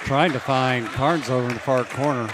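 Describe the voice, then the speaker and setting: A man calling live basketball play-by-play, quick and rising when baskets fall. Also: mid-range voice, steady tone, over a noisy crowd. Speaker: play-by-play announcer. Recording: noisy gym broadcast.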